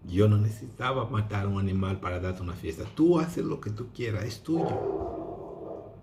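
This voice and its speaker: A man's voice: fairly low pitch, expressive, moderate pace, slight background noise. A preacher voicing a loving, joyful father. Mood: gentle. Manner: warm, reassuring. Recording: roomy echo.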